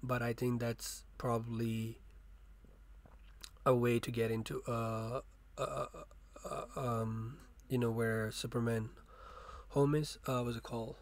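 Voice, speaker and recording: A man's voice: mid-range voice, level tone, slow, no echo. A man giving a casual spoken review, rambling with many fillers and restarts.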